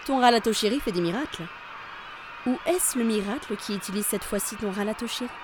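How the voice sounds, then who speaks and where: A cruel seductress, played by a woman, sardonic and coldly mocking, speaking in a mid-range voice. She sounds calm and in control, every line laced with contempt. Audio drama. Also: mid-range voice, brisk, noisy background, close to an everyday voice. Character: cruel, mocking seductress who wants her lover dead.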